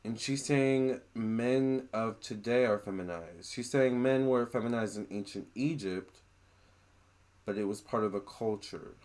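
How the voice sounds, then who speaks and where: A man's voice: on the low side, a little slow, a little mellow. Chatty man with gushing exclamations. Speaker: vlogger relaying a spirit's words. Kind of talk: casual monologue to camera.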